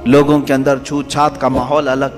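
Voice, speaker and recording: A man's voice: medium pitch, little pitch movement. Impassioned male preacher in an echoey hall. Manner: impassioned, rising to loud emphatic peaks. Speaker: Islamic preacher. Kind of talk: sermon. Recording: echoey hall with music behind.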